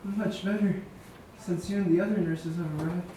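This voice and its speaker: Wounded young soldier played by a male stage actor: weak, gasping, halting, homesick. Muted tone, distant and very echoey. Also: high voice, fairly even intonation, dark tone, a little hiss or hum, natural voice. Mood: weak, lonely. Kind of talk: stage musical play dialogue. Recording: echoey stage, distant mic, faint music.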